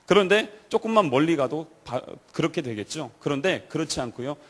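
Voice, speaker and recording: A man's voice: fairly high pitch, animated, a little fast, a bit bright, slightly rough. A man preaching to a church youth service, telling stories and asking the congregation direct questions. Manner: storytelling, asks the audience direct questions. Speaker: pastor.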